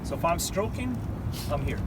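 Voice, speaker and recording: A man's voice: fairly high pitch, very animated, moderate pace. A man coaching paddling outdoors, calling out short instructions. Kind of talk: hands-on coaching talk. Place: outdoors by the water. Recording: loud wind and water noise. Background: wind and water.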